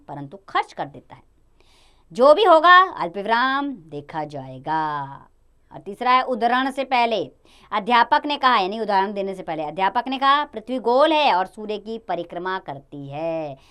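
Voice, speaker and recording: Young woman teacher talking to kids, voice jumps up and down a lot, smooth and clear, hits the key words hard. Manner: lively, stresses key words, drops low at sentence ends. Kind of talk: Hindi grammar lesson for children.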